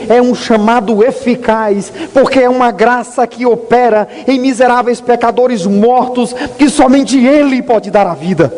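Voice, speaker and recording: A man's voice: high voice, mellow. Preaching man in a reverberant church. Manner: earnest preaching, rising emphasis and slow drawn-out stresses. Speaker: pastor. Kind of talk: sermon. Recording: long hall reverb.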